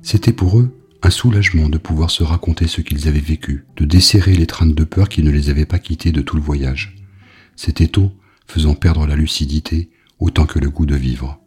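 A man reading an audiobook novel in a grave, measured narration. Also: a bass voice, darkish tone, breathy edge.

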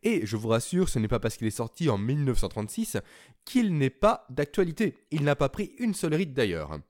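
Chatty French podcast host, lively pitch. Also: male voice, brisk. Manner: chatty and explanatory, with self-deprecating asides. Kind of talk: solo podcast monologue.

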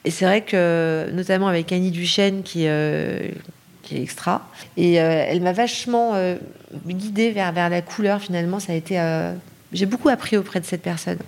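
Hesitant, lower-voiced Frenchwoman designer. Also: normal speed, a little mellow. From Paris, France. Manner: hesitant, many fillers and restarts. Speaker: lighting designer, guest. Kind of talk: podcast interview.

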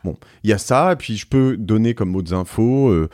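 Man, lowish voice, interview guest, casual explainer, emphatic, repeats himself. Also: expressive, normal speed, a little mellow, no room sound, studio quality.

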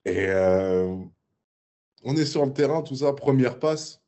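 A young man in his twenties, a guest in a casual interview, telling a story in a lively way with sound effects and many fillers. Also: medium pitch, slow. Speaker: guest basketball player.

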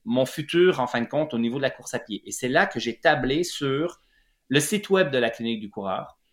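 Speaking at normal speed in an animated, mid-range voice, a middle-aged Quebec French-accented man from Lac-Saint-Jean shares his story as an interview guest. He founded a running clinic and speaks hesitantly, with many fillers and restarts, in an echoey, roomy room.

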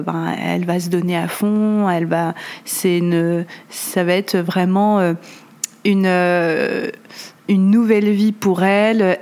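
A woman's voice: mid-range voice, darkish tone. Hesitant French-speaking woman podcaster. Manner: hesitant, many fillers and restarts. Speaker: podcast host. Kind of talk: casual solo podcast talk.

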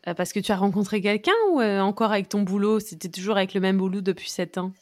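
A woman interviewer asks relaxed, informal questions and addresses her guest familiarly. Her voice is recorded dry and close, with no room sound. Her pitch is mid-range. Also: fast talker, no echo.

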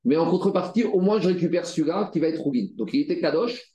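Man, Talmud study teacher, slightly high voice, mellow tone, repeats phrases, asks rhetorical questions, echoey room. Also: lively intonation, fast. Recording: roomy echo.

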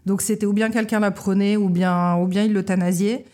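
A woman's voice: medium pitch, fairly even intonation, fairly quick, dark tone. A woman in her thirties from Paris, a guest telling her story in a casual interview, hesitant, with many fillers and restarts, a little tired. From Paris, France. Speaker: guest, love-shop co-owner. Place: small shop.

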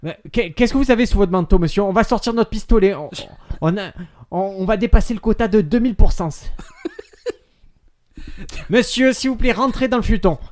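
A man's voice: a little high, a little fast, darkish tone, pitched above the performer's own voice, natural voice. A man as a courteous, insistent police officer; raised, formal, pleading tone. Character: polite, firm male police officer. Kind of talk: improvised comedy sketch.

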